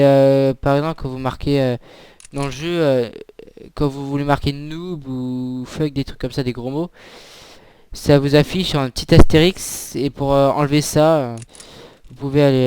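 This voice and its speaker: A young man talks through a shooter game as he plays, pausing often with fillers and searching for words. His voice is smooth and clean at an ordinary pitch. It sounds close to the mic, in a dry room. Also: a little mellow, no room sound. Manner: hesitant, many fillers, talks while playing. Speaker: gaming video creator. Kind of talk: casual gameplay tutorial commentary.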